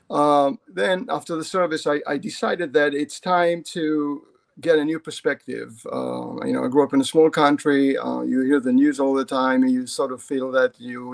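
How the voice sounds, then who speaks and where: A middle-aged man from Israel, a ceramic artist guest, telling his life story over a video call in a halting way. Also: medium pitch, vocal fry. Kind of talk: casual storytelling in an interview.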